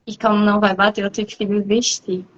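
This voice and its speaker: A woman with a Brazilian Portuguese accent, a guest poet in a live online interview, explaining her writing thoughtfully and at length with frequent pauses. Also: medium pitch, flat delivery, highs cut off.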